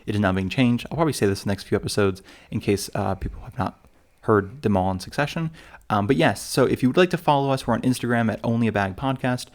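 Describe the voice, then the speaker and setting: Another travel podcast co-host chats casually in a fast, mid-range voice. He keeps rambling and poking fun at himself, stumbling through fillers and restarted sentences.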